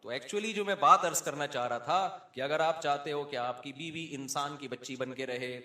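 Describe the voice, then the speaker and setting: A man with a Pakistani Urdu accent preaching a sermon, swinging between loud emphasis and quiet asides and acting out the people he quotes. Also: on the high side, reverberant. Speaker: Islamic preacher.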